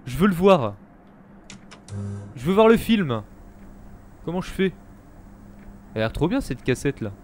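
A man hosting a live let's-play, chatting to his viewers and reacting excitedly to the game. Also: a little high, a little slow, pauses often, faint music behind. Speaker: gaming streamer, host.

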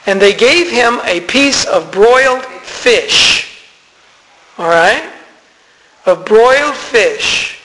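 High-voiced man preaching in a church. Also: lively intonation, extremely slow, pauses often, pushed and bright, long reverb tail, rough recording. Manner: conversational preaching with call-outs to the congregation. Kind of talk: sermon. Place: church sanctuary.

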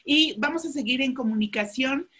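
A woman hosting an interview, giving short agreeing replies and warm thanks. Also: sits high, normal speed, slightly rough. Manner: affirming, brief agreeing replies. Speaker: host.

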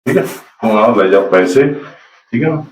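A man's voice: lowish voice, animated, brisk, roomy sound, slight background noise, close to an everyday voice, poor audio. A man playing a village headman in a short film, who keeps asking for agreement and argues back with his wife. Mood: reassuring. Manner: keeps asking "okay?", defensive when scolded. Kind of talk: amateur short film acting.

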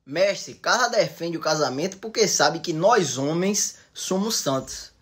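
Lively teasing man hosting couple Q&A. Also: on the high side, unhurried, breathy edge. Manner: teasing mock-wise answers to viewer questions. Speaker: comedy couple channel host. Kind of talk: joking couple Q&A.

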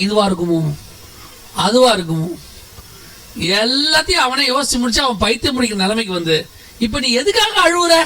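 Bright, high-voiced male preacher. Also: distant mic, rough recording. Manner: asks the audience questions and answers them himself, with humor. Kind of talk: sermon.

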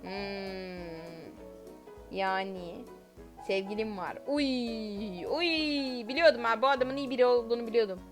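A woman commentating her own gameplay as a YouTuber, excitable, exclaiming and giggling often. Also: medium pitch, measured pace, faint music behind. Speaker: gaming YouTuber.

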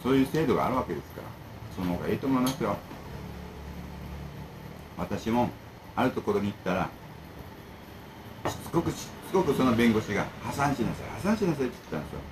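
A man's voice: on the low side, sing-song, fast, pauses often, noisy background. A man who runs a bento shop, talking casually and rambling to camera, jumping between complaints and advice. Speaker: bento shop owner and channel host.

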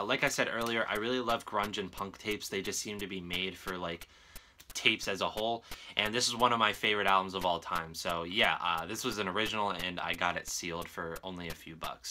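With a fairly low pitch and a sharp tone, this young vlogger casually shows his music collection to camera from a small room indoors at home, swearing along the way. A little hiss or hum is audible.

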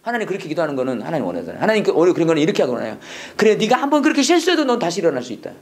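Animated and ready to laugh off their own mistakes, a Bible school teacher lectures in a mid-range voice, mixing English instruction with preaching.

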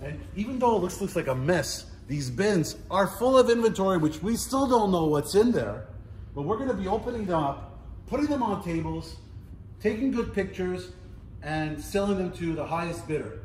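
Middle-aged man, auctioneer's walking tour, somewhat high voice, roomy warehouse echo, faint background hum. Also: expressive, darkish tone. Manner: chatty and playful, lists items in quick repeats. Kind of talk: casual walking tour, talking to camera. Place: large warehouse indoors.

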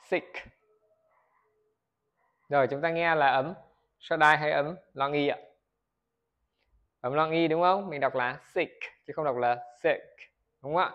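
A man's voice: on the high side, moderate pace, pauses often, fairly bright tone, dull audio. A Vietnamese man teaching English pronunciation in a video lesson. He keeps asking the viewers questions, answers them himself and models words for them to repeat.

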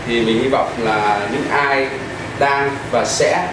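Guy in his 30s, cafe owner, earnest and halting, far off in an echoey room w/ aircon noise. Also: medium pitch. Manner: earnest, many hesitation fillers. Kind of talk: casual interview answers. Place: inside a small cafe. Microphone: far camera.

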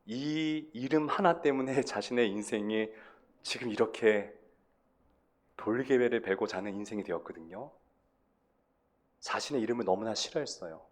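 A man's voice: lowish voice, moderate pace, pauses often. Male pastor giving a sermon, punchy stresses, keeps asking the room questions. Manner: emphatic, with rhetorical questions and rising stresses.

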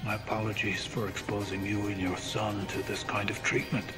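An actor playing a courteous, menacing mastermind in a film, speaking in a formal, measured way. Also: male voice, on the low side, flat delivery, music in the background, natural voice. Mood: coldly polite. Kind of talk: film drama monologue. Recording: long reverberant film playback.

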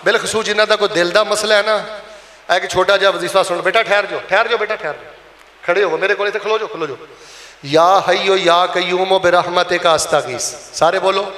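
A man's voice: sits high, fairly even intonation, very fast, sharp tone. A man with a Punjabi accent delivering an impassioned Friday sermon in a mosque, calling on the congregation to answer aloud. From Pakistan. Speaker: Friday preacher. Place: large mosque hall. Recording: echoey mosque hall, long reverb.

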